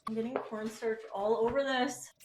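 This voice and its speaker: A woman's voice: fairly high pitch, steady tone, normal speed, background noise. A young woman vlogging her DIY bathroom renovation in a chatty, self-mocking and flustered way, recorded on a phone. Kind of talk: casual vlog narration while working. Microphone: phone camera. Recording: echoey bathroom with faint clicks.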